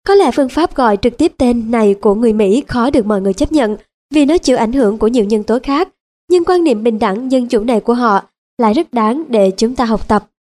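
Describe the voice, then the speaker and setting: A woman narrating an audiobook in a calm, measured read. Her pitch sits somewhat high. Her tone is soft and mellow, with no edge. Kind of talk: scripted narration.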